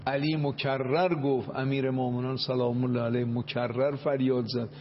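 A man's voice: mid-range voice, flat delivery, lo-fi sound, a little hiss or hum. A man, a cleric on a talk show, preaching with Arabic quotations and dramatic, emphatic acted quotes.

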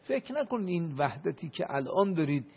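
A man giving an impassioned religious talk and prayer, building up to loud emphasis at times. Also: on the high side, sing-song, creaky, breathy edge. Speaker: religious speaker. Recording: dull lo-fi radio broadcast.

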